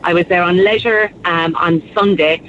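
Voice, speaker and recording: A woman's voice: fairly low pitch, steady tone, normal speed. An Irish woman with a southwestern Kerry accent, speaking emphatically and indignantly as a caller to a radio phone-in. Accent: southwest of Ireland, Kerry. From County Kerry, Ireland. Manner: emphatic, forthright. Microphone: telephone. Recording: dull phone-in line, faint noise.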